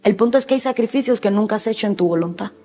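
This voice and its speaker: A middle-aged woman pastor preaching a sermon emphatically, breaking into sudden high shouts and acted quotes. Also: very fast, in a large hall, soft background music.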